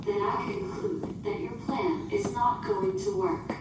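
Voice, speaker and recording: Her voice is on the high side and close to an everyday register, at a measured pace, as she portrays a literal, formal ship computer in a science fiction audio drama. The delivery is precise, emotionless, calm and formal, and the recording sounds very echoey and distant amid noisy ambience.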